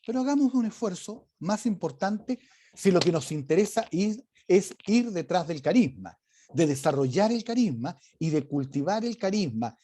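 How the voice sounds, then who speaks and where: A man's voice: fairly high pitch, warm tone, slight background noise. A man teaching a leadership class online, talking emphatically and varying his intonation. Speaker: leadership course instructor. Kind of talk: online lecture.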